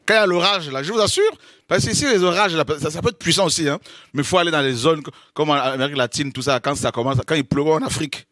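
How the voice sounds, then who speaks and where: A man preaching a lively sermon, exclaiming, making dramatic sound effects and laughing between points. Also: a little high, fast, no room sound, studio quality. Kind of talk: animated sermon.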